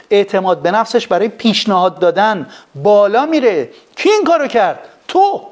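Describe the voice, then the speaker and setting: A man, a psychologist, giving an animated lecture on a live stream, full of rhetorical questions. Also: high-pitched. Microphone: phone.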